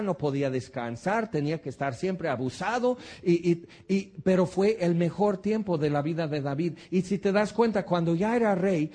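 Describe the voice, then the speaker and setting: A man preaching a sermon, earnest and animated, full of rhetorical questions. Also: sits high.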